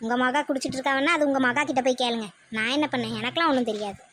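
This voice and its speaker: A woman's voice: high voice, steady tone, racing, fairly bright tone. A woman voicing an indignant, sarcastic young daughter-in-law in a cartoon family story. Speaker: narrator and voice artist. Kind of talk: cartoon voice acting.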